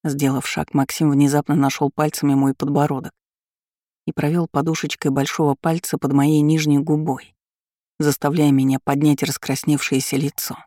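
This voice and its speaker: A male audiobook reader narrating a first-person novel in a steady, measured voice. His tone is mellow and dark with a rather flat melody, slightly higher than most men. The studio sound is dry and close. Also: no echo.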